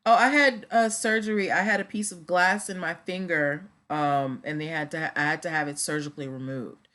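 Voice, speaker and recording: Casting: female livestream host, slightly low voice, conversational with viewers, subdued and a touch sluggish as if recovering after surgery. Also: fairly even intonation, normal speed, fairly bright tone. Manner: chatty, addresses viewers directly. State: on painkillers after surgery, a little slowed. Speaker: livestream host discussing trademarks. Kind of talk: casual livestream commentary.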